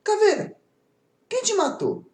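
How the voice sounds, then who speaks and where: Jumpy storybook young guy, high and urgent, Brazilian accent, as a male teacher puts him on, echoey and distant. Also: wildly swooping pitch, a little slow, exaggerated voice. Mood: excited pleading. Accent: Brazilian Portuguese. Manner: high-pitched, breathless, urgent. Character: excitable frightened young man pleading.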